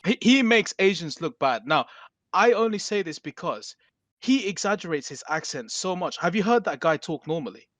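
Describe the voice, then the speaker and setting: A man hosting a casual podcast chat, talking in an animated way with frequent swearing and restarts. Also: high voice, moderate pace, no room sound.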